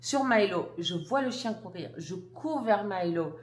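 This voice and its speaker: A woman's voice: medium pitch, expressive, a little slow. A mother vlogging to camera, telling a story emphatically and indignantly, with restarts and blunt words. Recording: roomy echo.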